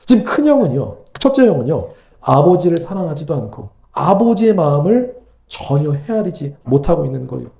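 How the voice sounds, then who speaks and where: A man preaching a sermon as pastor, animated and full of rhetorical questions. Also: fairly high pitch, a little fast, vocal fry, echoey room. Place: church sanctuary.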